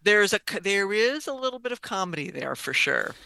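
A woman, a professor of English literature, analyzing a book with animated enthusiasm, slowing down to stress her points. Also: medium pitch, creaky, no room sound. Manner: animated, admiring, slows for emphasis.

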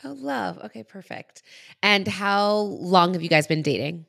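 A wedding planner hosts a podcast, interviewing in a casual, chatty, upbeat and encouraging way. Her mid-range voice is a bit bright with lively intonation and vocal fry, and she speaks unhurriedly.

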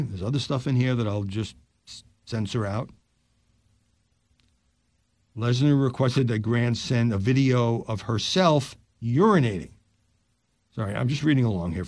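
An older man hosting a news podcast, reading stories aloud and dropping his voice low for quick asides. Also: dry recording, studio quality. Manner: animated delivery, drops low for asides.

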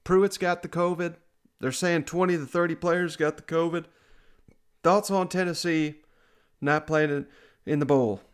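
Higher-voiced man hosting a sports podcast. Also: fairly even intonation, measured pace, pauses often, clean tone. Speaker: podcast host. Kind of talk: casual sports talk.

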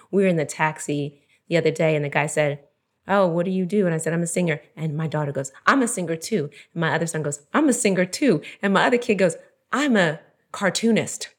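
A woman hosting a podcast, talking in a grateful and openly appreciative way. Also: low-pitched. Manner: warm, grateful, laughs often. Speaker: podcast host. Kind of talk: podcast conversation.

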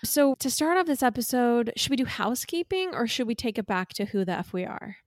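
A woman co-hosting a podcast in casual chat, talking eagerly and pitching products with enthusiasm. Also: very animated, a little fast, no echo, clean studio sound. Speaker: podcast co-host.

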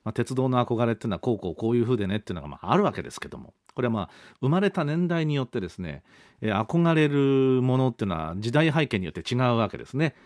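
A man's voice: mid-range voice, sing-song, quick pace, a little mellow, dry recording, clean studio sound. A man in his fifties, a radio host, reading listener mail in a chatty, polite, rambling way. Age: 50s. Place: radio studio.

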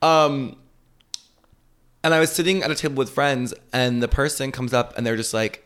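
A man co-hosting a podcast in casual chat, telling stories in a profane, animated way full of "like". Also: mid-range voice, moderate pace, clear, resonant tone. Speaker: podcast co-host.

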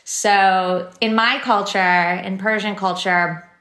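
This woman's mid-range voice is steady, slow and a bit bright. She's a thirty-something San Francisco startup founder chatting upbeat about her story on a podcast, using lots of fillers. There's echo in the room.

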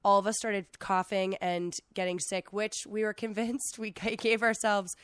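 Hoarse young American woman chatting. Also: medium pitch, normal speed, no room sound. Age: around thirty. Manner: animated storytelling with many fillers of "like". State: sick, hoarse, losing her voice. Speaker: podcast host. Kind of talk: casual chat, telling a travel anecdote.

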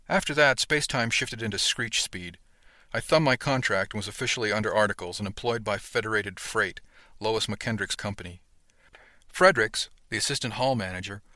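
Brief: male audiobook narrator, low voice, dry close studio sound, earnest. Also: bright, forceful tone, no echo. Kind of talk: first-person audiobook narration.

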